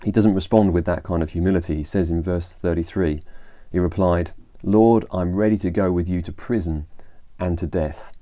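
Low-voiced english guy chatting through a bible story, really mellow tone, dry sound. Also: fairly even intonation, normal speed, few pauses, dry recording. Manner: conversational, retelling Bible stories with fillers and restarts. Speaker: church leader. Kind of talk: informal devotional talk.

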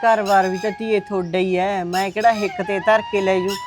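A frail old mother-in-law, played by a woman, sighing and pleading as she complains of neglect. Her voice sits at an ordinary middle pitch. Faint music plays under her in this short film. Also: little pitch movement, brisk, lightly acted. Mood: plaintive. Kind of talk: amateur short film acting.

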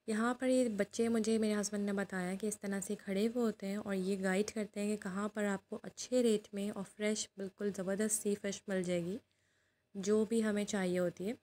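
A woman's voice: medium pitch, darkish tone. A middle-aged woman from Pakistan, narrating her vlog in a chatty, instructive way. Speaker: vlogger. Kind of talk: voice-over narration.

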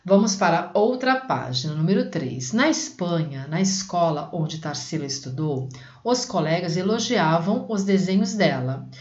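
A woman teaching a reading lesson to young children, patient, repeating words slowly and breaking them into syllables. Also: on the low side, lively intonation, darkish tone. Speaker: primary school teacher. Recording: echoey room, dull lo-fi sound.

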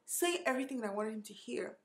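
A woman's voice: fairly high pitch, animated, quick pace. Tearful young woman telling a story. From Nigeria. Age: 20s. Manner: candid, emotional, heavy use of "like" and cursing. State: tearful, close to crying. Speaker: vlogger. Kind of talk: storytime vlog.

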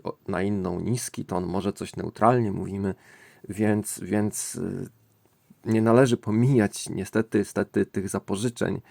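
A man hosting a language-learning lesson, talking it through in a thoughtful, musing way and often pausing to find his words. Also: sits low, vocal fry, darkish tone, dry recording. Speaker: language-learning channel host. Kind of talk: explanatory screen-recording lesson.

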